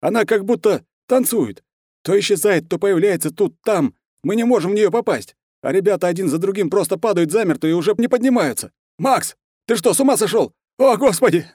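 A man's voice: high voice, lively intonation, normal speed, few pauses, a little mellow, no echo, studio quality, voice pushed up. A man reading a story aloud and voicing a gasping, frightened soldier reporting over a radio. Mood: panicked. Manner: gasping, panicked. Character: breathless panicked male soldier on a radio.

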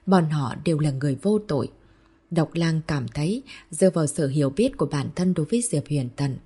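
A woman narrates a novel in a steady, even storytelling manner. Her voice is low and mellow. It has a noticeably husky, breathy grain. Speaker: audiobook narrator.

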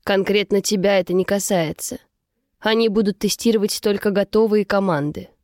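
A woman's voice: medium pitch, normal speed, a little mellow, dry recording, studio quality, close to an everyday voice. A woman reading as a stern young male fighter. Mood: coolly dismissive. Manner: reproachful, clipped.

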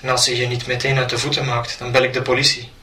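A man's voice: medium pitch, monotone, fast talker, bright, forceful tone, slight background noise, natural voice. A man playing a brusque, dismissive man who threatens to call the police, in a spoken story. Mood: curt. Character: curt, dismissive man at the door. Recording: roomy, distant mic.

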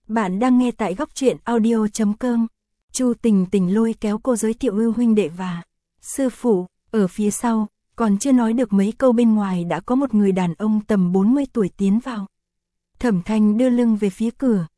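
Recorded with clean studio sound and no echo, a woman reads an audiobook chapter in a mid-range voice, keeping it even and unhurried. She speaks the characters' dialogue without changing her own voice.

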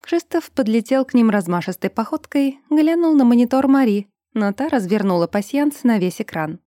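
A woman reading a fantasy novel aloud in a steady, measured narration. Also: fairly high pitch, dry recording, studio quality. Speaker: audiobook narrator. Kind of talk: scripted fiction narration.

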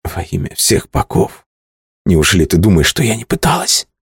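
A man voicing a hushed, bitter captive woman. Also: fairly even intonation, measured pace, no echo, studio quality. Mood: anguished. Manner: low hushed chest voice.

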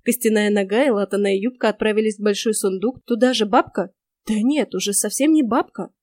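A woman telling a lively first-person story as audiobook narration. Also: mid-range voice, fairly quick, no echo.

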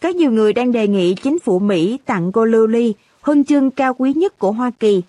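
A persistent press reporter puts formal, polite questions, as a woman reads with little change from her own voice. The sound is close and dry, in a fairly high register. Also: lively intonation, normal speed, warm tone, no room sound.

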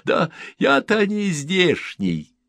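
Man voicing a gentle alien, whispered, hushed, low, dry sound. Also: big pitch swings, a little slow, vocal fry, no room sound, full character voice. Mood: hushed kind.

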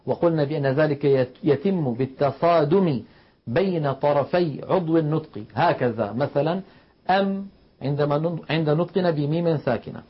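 A man teaching Quranic recitation rules, explaining slowly and demonstrating sounds aloud. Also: on the high side, breathy edge. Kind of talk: televised tajweed lesson. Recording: dull lo-fi broadcast audio.

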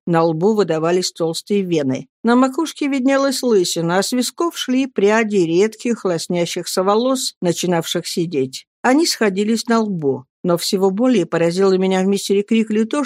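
An even, measured audiobook narrator. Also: mid-range voice, dry recording, clean studio sound. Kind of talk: audiobook reading of a classic novel.

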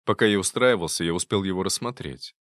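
A man narrating a novel in the first person, wry and expressive. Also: sits low, fast, no echo, studio quality. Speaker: audiobook narrator.

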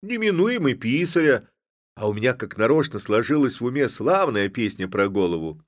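Cocky young Cossack lad read by a man, mocking and rousing, raised and loud, lively swings, dry sound. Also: mid-range voice, moderate pace, dry recording, voice pushed up, lightly acted. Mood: rabble-rousing.

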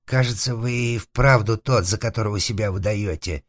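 A man voicing a timid, easily frightened hermit who whines and wails in a shrill, trembling voice, in an audiobook. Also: normal speed, close to an everyday voice. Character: frightened, whimpering male hermit behind a door.

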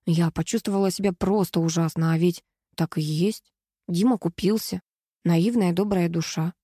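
A woman narrating a first-person audiobook in an expressive, lively reading. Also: lowish voice, moderate pace, husky, no room sound, clean studio sound.

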